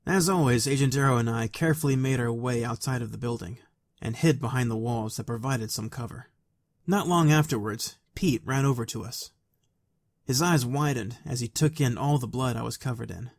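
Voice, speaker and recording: A man narrating a fan story aloud in a quiet, even, soft-spoken way. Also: mid-range voice, normal speed, no echo, clean studio sound.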